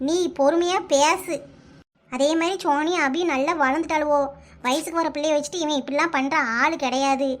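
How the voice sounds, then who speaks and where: A woman voicing an older village woman in a cartoon who gives calm, measured advice, with a Kanyakumari Tamil accent. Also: sits high, natural voice. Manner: measured, soothing counsel. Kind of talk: cartoon voice acting.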